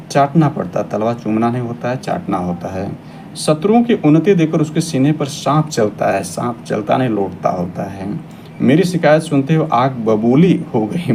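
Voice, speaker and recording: A man's voice: fairly low pitch, a little mellow, a little hiss or hum. A man teaching a grammar lesson for exam preparation. He reads each example sentence, then repeats it in corrected form.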